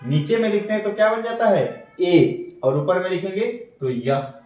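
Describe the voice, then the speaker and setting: Man, steno teacher, high voice, very slow, spells out letters one at a time, echoey dull room audio from a distant mic. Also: expressive, a little mellow, faint music behind. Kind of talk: online class lesson.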